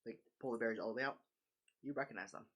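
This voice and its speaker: Husky low-voiced woman, deadpan. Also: rapid-fire. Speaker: tabletop game player. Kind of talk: in-character tabletop role-play.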